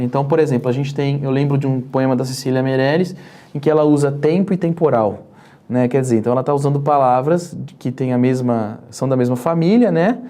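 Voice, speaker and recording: A podcast host with a mellow, darker tone speaks in a halting way, full of fillers and restarts. The host leads the guest along with careful questions. The pitch sits in the middle range. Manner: hesitant, many fillers and restarts, asks guided questions. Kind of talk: conversational podcast interview.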